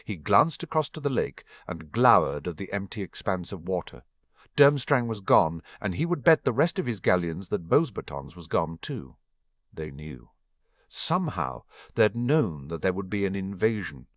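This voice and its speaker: A man's voice: fairly low pitch, no room sound, lo-fi sound. A man narrating a fan fiction audiobook, reading expressively. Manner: expressive reading with varied voices.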